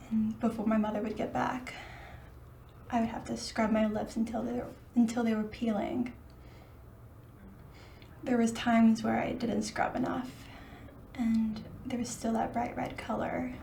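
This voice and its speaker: A withdrawn, uneasy female research subject, answers hesitantly. Her delivery is monotone and full of vocal fry, caught from a distance in an echoey room. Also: fairly high pitch. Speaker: interviewed test subject. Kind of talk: found-footage drama dialogue. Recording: echoey room, distant mic, faint noise.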